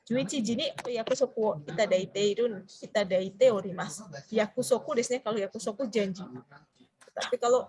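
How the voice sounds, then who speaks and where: A woman's voice: on the high side, moderate pace, crowd noise. A woman with an Indonesian accent teaching a business Japanese class, explaining in Indonesian and quizzing her students.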